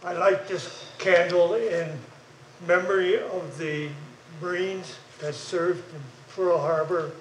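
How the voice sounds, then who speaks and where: A man representing the Marines, reciting a solemn candle-lighting dedication very slowly and deliberately. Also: high-pitched, fairly even intonation, slight background noise. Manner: very slow, deliberate. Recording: echoey hall from far off.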